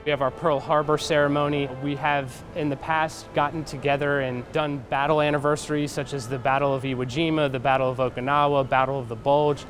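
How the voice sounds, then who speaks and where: Higher-voiced American man, earnest, music behind. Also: flat delivery, fairly quick, few pauses. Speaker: museum staff interviewee. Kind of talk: interview, reflective recollection.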